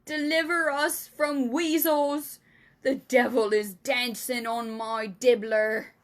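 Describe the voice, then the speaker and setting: A woman voicing a big, excitable male giant from a storybook who cries out in mangled words. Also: fairly high pitch, slow pace. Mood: distressed.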